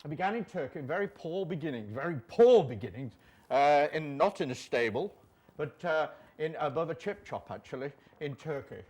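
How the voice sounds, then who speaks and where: A man's voice: fairly high pitch, expressive, normal speed, darkish tone, close to an everyday voice. A man playing a boozy, jolly old Santa Claus on a studio chat show, rambling and making self-mocking jokes.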